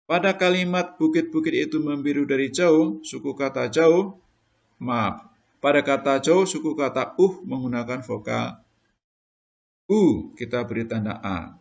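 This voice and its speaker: A man teaching young pupils in a recorded lesson, going through each point patiently and step by step. His voice sits at a middle pitch and carries a gravelly, creaky edge. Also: measured pace, long pauses, lo-fi sound. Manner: patient, step-by-step explaining to children. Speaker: primary school teacher.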